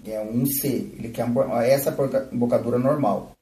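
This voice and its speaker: A man's voice: mid-range voice, fairly even intonation, normal speed, dark tone. A man giving a live flute lesson, explaining techniques and often checking in with "né?" and "tá?". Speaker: flute teacher. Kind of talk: live-streamed music lesson. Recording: roomy, from a distance.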